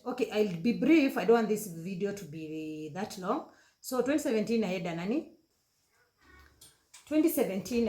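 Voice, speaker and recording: A woman in her thirties with a Kenyan accent, telling an emotional personal story on her vlog, halting and correcting herself as she goes, slipping into Swahili. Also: medium pitch. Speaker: vlogger. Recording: roomy echoey room.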